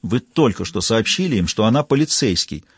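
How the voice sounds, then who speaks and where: A man's voice: on the low side, expressive, fairly quick, slightly rough, no echo, studio quality. A man voicing a desperate, enraged husband who speaks in a harsh, accusing way. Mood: angry.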